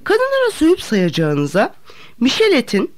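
A woman's voice: sits high, huge pitch swings, moderate pace, pitched above the performer's own voice. A woman reading aloud, voicing a fussy, talkative young hostess who fancies herself progressive. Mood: animated chatter. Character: chattering vain young woman hostess, self-styled progressive. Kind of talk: audiobook character reading.

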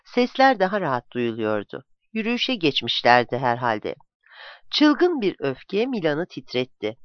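A narrator reading a novel aloud in a dramatic, lively way, in a dull, dry, lo-fi recording. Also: mid-range voice, no echo.

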